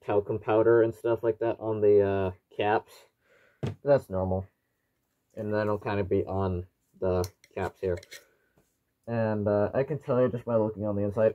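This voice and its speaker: A young man giving a casual, rambling, explanatory product review, his voice muffled through a gas mask. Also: on the low side. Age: young adult. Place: small living room at home, indoors.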